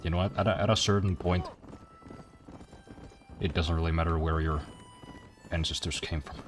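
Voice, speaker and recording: A man's voice: low-pitched, steady tone, normal speed, a little hiss or hum. A man streaming a video game and chatting casually, rambling with many repeats and fillers. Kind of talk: casual gaming commentary.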